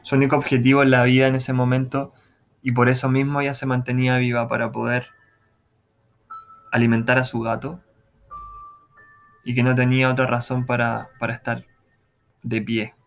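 A man telling his own paranormal experience in a relaxed, halting, casual way, full of restarts and slang. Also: mid-range voice, creaky, soft background music. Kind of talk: casual first-person storytelling.

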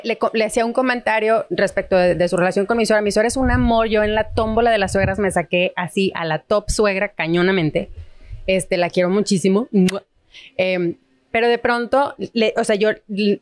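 Fast-talking Mexican woman host. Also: mid-range voice, no echo. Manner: rapid, animated storytelling with quoted voices. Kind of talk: casual chat.

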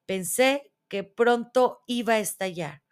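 A woman storyteller giving a dramatic, expressive first-person reading of a book chapter. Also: fairly high pitch, takes it slowly, clean tone.

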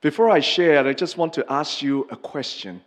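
Earnest and halting, a middle-aged Hong Kong pastor shares his personal testimony in a sermon, pausing and restarting often. His voice is on the high side, echoing with the long reverb of a large hall.

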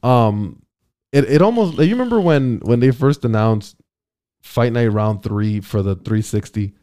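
A man's voice: medium pitch, animated, mellow. A man chatting casually, swearing often and calling his friend "bro", with frequent restarts. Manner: profane, slangy, says "bro" a lot; halting, restarts phrases. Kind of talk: casual chat.

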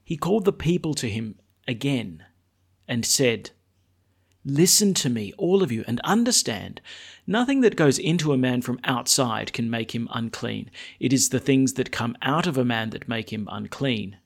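A man speaking as a priest, reading scripture and preaching in a measured, solemn way. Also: medium pitch, expressive, creaky, slightly rough. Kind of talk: liturgical reading and homily.

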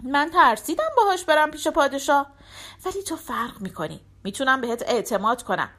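A woman's voice: high voice, lively intonation, fairly bright tone. A woman doing a sly scheming fox. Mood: smooth.

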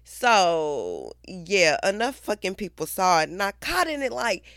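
A young woman hosts her own podcast the morning after drinking, still drowsy and hung over. She speaks slowly with a gravelly edge, swearing and addressing her listeners directly. The recording is close and dry. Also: medium pitch, big pitch swings, a bit bright, no echo. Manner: profane, laughing, talks straight to listeners. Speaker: podcast host. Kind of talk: casual podcast monologue.

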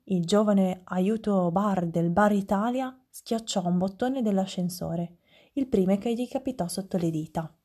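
Dark-voiced woman reading a story. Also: medium pitch, husky. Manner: lively storytelling with small stumbles. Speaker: narrator. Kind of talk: reading a children's story aloud.

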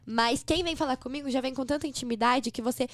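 Brazilian woman guest, talks fast, higher voice, super chatty. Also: no room sound. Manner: animated, chatty storytelling. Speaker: interview guest. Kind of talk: casual chat.

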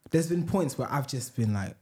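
A young man, co-hosting a casual podcast chat and telling stories in slangy, animated bursts. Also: mid-range voice, moderate pace. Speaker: co-host.

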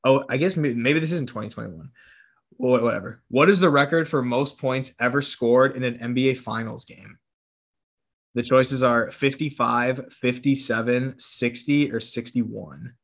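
A man's voice: mid-range voice, moderate pace. Young male host, casual, reads quiz options aloud, laughs often. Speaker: podcast host reading quiz questions. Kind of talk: casual chat.

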